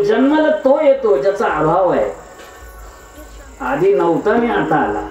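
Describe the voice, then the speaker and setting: A man preaching a devotional kirtan sermon, posing rhetorical questions and answering them himself with wordplay. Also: very high-pitched. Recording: echoey hall, mic at a distance, music behind.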